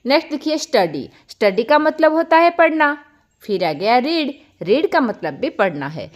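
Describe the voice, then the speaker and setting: A young woman from India teaches an online grammar lesson with a high, animated voice that swoops up and down. She explains word pairs patiently and calls her viewers children. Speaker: English teacher.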